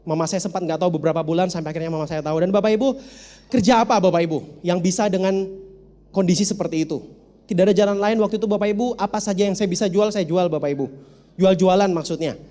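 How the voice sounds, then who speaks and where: A man's voice: sits high, quick pace, dark tone. Joking male speaker in a reverberant hall. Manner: humorous, addresses the audience directly. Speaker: motivational speaker. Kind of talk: storytelling seminar talk.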